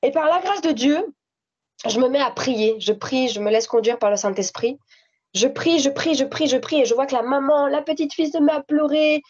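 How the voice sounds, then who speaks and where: A woman with a French accent giving a spontaneous spoken testimony at a church meeting, animated storytelling with frequent restarts. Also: high-pitched, moderate pace. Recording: slightly dull audio recording.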